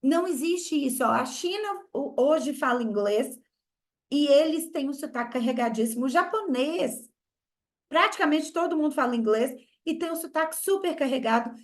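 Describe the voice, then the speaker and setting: A woman's voice: high-pitched, lively intonation, normal speed. A woman from Brazil with a Minas Gerais accent, teaching an English masterclass with rhetorical questions and repeated key phrases. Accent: Minas Gerais Brazilian Portuguese. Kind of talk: online masterclass lesson.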